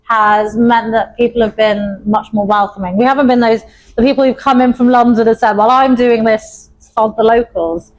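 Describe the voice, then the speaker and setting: Young female chef from Wales, interviewee; enthusiastic, laughs a lot, slightly high-pitched. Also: steady tone, normal speed, low-quality recording. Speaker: chef and pub owner. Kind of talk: interview conversation.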